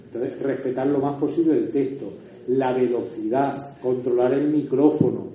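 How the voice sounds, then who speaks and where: A man's voice: medium pitch, fairly even intonation, normal speed, warm tone, slight background noise. A man from Murcia with a Murcian Spanish accent, giving a conversational lecture on liturgy to a workshop group, explaining with examples and asides. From Murcia, Spain. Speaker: liturgy trainer. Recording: echoey hall, distant mic, dull sound.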